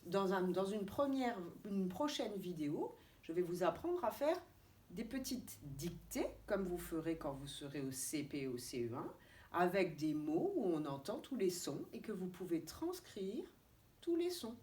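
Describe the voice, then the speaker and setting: A woman kindergarten teacher with a French accent giving a remote lesson to young children, spelling out letters and syllables slowly and clearly. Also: on the low side, big pitch swings, darkish tone. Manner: slow, deliberate, stretching out syllables and letters. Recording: distant mic with faint background noise.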